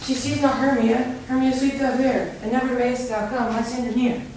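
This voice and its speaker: A woman's voice: a little high, level tone, normal speed, close to an everyday voice. A woman playing an ardent young male lover, declaiming verse earnestly on stage. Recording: echoey hall from far off, noisy.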